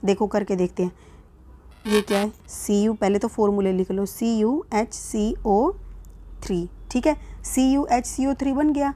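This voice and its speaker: A woman's voice: medium pitch, moderate pace, warm tone, a little hiss or hum. A woman science teacher with an Indian accent, patiently taking students through a worksheet, asking questions and answering them herself. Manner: patient, asks and answers her own questions, calls students "beta". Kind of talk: worksheet walkthrough lesson.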